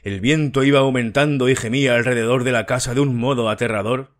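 A man narrating a mystery audiobook in the first person, in a measured, even storytelling manner. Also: medium pitch.

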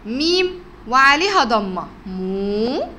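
A woman with an Egyptian Arabic accent, teaching a phonics lesson to young children. She stretches words out slowly to sound out letters and praises the class often. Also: a little high, big pitch swings, sharp tone, a little hiss or hum. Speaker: kindergarten teacher.

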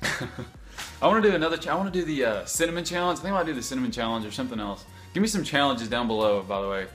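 A man's voice: medium pitch, lively intonation, rapid-fire, a bit bright, faint music behind. A young man chatting casually to camera as a vlogger, rambling with unsure asides. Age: young adult. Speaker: YouTube vlogger. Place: home kitchen.

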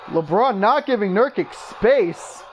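A man doing mock play-by-play basketball commentary for a gaming video, calling each play in brisk clipped bursts, his voice jumping up on big plays. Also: high voice, noisy background. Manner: excitable, voice jumps up on big plays. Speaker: YouTube gaming creator.

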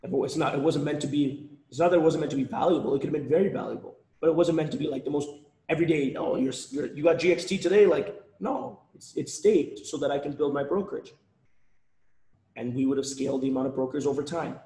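A man's voice: fairly high pitch, quick pace, mellow. A man talks loosely through a webinar, circling back on himself with restarts and repeated words. His voice is wearing out and sounds a little strained. The sound is roomy and echoey. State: losing his voice. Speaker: webinar presenter. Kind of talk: casual live webinar talk.

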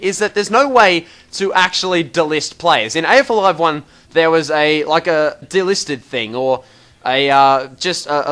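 A young Australian man talks through a sports game's menus in a loose, rambling way, full of fillers and restarts. His voice sits a little high and sounds bright and forward. He comes across as mildly exasperated with the menu. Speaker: gaming video host. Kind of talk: casual game tutorial commentary.

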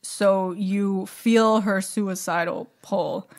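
A woman's voice: medium pitch, steady tone, drawn-out words. A woman co-hosting a book club podcast, chatting casually and bluntly, swearing freely and laughing between points. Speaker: podcast co-host.

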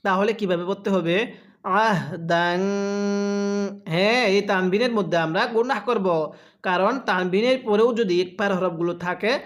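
High-voiced patient teacher. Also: male voice. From Bangladesh. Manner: drawn-out slow chanted recitation of each word between plain explanations; patient, asks and answers his own questions. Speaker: Quran recitation teacher. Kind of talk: step-by-step Quran reading lesson.

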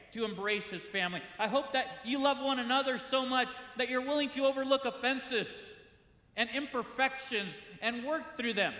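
High bright-voiced guy preaching, chatty, acts out little quotes, big echoey church sound. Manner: conversational, acts out quoted complaints. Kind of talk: sermon. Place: church sanctuary. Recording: echoey church hall with long reverb.

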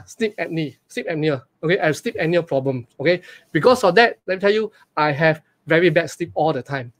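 A man in his forties with a Malaysian English accent, giving a live webinar from a small room over a webcam and talking in an energetic, repetitive way with lots of questions to the audience. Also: fairly high pitch. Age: 40s. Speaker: online business coach. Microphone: webcam on a video call.

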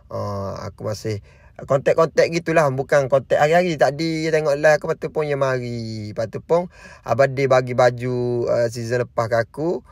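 A man's voice: medium pitch, normal speed, no echo. Chatty man. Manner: rambling, repeats "lepas tu pun" often. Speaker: vlogger. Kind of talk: casual vlog narration.

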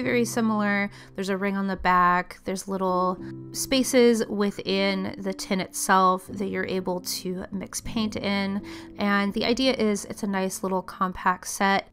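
Woman vlogger, bit raspy from a cold, rambling chatty product talk, soft music behind. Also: medium pitch. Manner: chatty, meandering, with small laughs. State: getting over a cold, slightly raspy. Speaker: art channel host. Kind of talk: casual product review vlog.

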